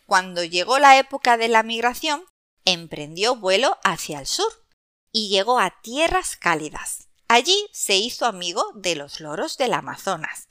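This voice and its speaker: A woman narrating a children's story expressively, addressing young listeners in an animated way. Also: medium pitch, no room sound, clean studio sound.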